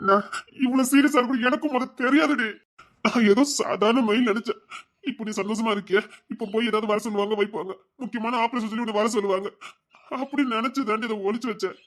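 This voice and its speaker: Fast-talking husband, tirunelveli tamil accent, begging sorry again and again, tv serial. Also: male voice, high-pitched, fairly even intonation, fairly bright tone. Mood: pleading. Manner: pleading, repeating apologies, fast and soothing. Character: remorseful, anxious young husband, doting. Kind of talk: TV serial acting.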